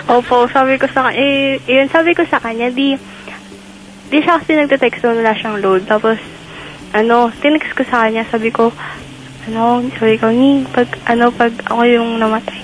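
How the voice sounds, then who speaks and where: A woman's voice: fairly high pitch, fairly even intonation, moderate pace, slight background noise, rough recording. Young woman caller telling a story. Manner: rambling storytelling with many fillers. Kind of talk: call-in radio chat.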